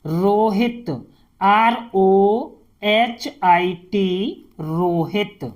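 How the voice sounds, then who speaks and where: A woman teaching a spelling lesson, sounding out each word and then each letter one at a time. She speaks extremely slowly, leaving long gaps between letters, at an everyday middle pitch. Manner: spells words letter by letter, very slow and deliberate.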